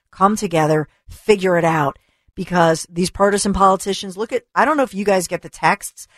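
In a radio studio, a female talk radio host delivers an emphatic, opinionated rant, piling up rhetorical questions and repeating herself for stress while her voice goes hoarse. Her pitch is fairly low, and the studio microphone captures a dry, clean sound.

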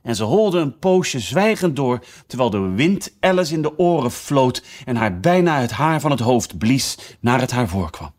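A man reading a children's storybook aloud, narrating in an expressive way. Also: mid-range voice, moderate pace, few pauses.

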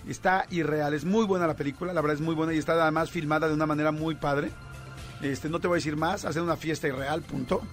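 A man with a Mexican accent hosting a radio show, telling a story in a lively way with lots of fillers. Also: fairly high pitch, fast talker, soft background music. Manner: animated storytelling with many fillers. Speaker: radio host. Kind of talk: casual radio chat.

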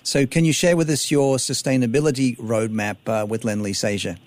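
A man's voice: mid-range voice, flat delivery, brisk, darkish tone, dry recording. An Australian man co-hosting a broadcast interview in a conversational style, responding and leading into questions. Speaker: radio co-host interviewer.

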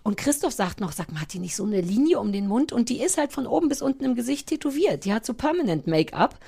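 A woman's voice: fairly high pitch, creaky, slightly rough. A woman co-hosting a casual chat about TV, telling stories with fillers and acting out what people said. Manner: lively storyteller, quick to act out quotes; conversational, with fillers and self-corrections. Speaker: podcast co-host.

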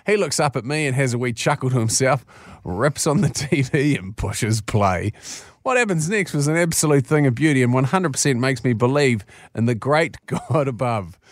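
A man's voice: medium pitch, lively intonation, moderate pace, no room sound, studio quality. A man with a New Zealand accent hosting a radio show, reading out listener messages and bantering in a jokey, blokey, colloquial way.

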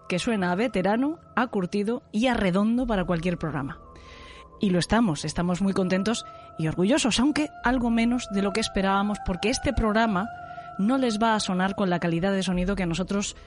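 Music plays under a woman with a Spain Spanish accent. She speaks at a medium pitch as a podcast host giving a prepared introduction. Her delivery is formal and courteous throughout.

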